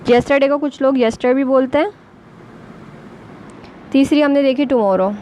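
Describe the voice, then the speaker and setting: A woman with an Urdu accent teaching a basic English lesson to beginners. She speaks slowly and patiently, spelling words out letter by letter. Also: sits high, a little mellow, slight background noise, poor audio.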